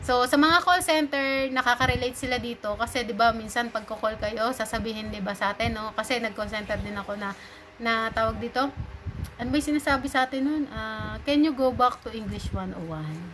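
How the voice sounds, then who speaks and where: A woman from Cavite, Philippines, giving a chatty, animated informal talk and mixing in English phrases. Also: a little high, a little fast. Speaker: speaker giving a talk on bullying. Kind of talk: casual informal lecture. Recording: noisy background.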